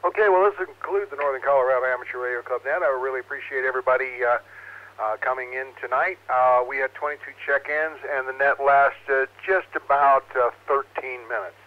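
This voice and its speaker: A man's voice: medium pitch, fairly even intonation, brisk. A man casually hosting an amateur radio net as its controller, heard over radio. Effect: two-way radio. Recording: dull, lo-fi radio audio.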